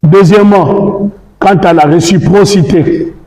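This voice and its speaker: A man's voice: high-pitched, unhurried, darkish tone. A Congolese man, a lawyer, making a formal and methodical statement, arguing his case point by point. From Congo (DRC). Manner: argumentative, methodical, citing law articles. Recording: echoey room.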